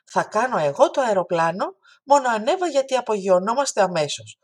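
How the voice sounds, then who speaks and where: A woman's voice: a little high, lively intonation, breathy edge, voice pushed up. A woman voicing a friendly, helpful talking hand that reassures a child in a storybook reading. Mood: cheerful.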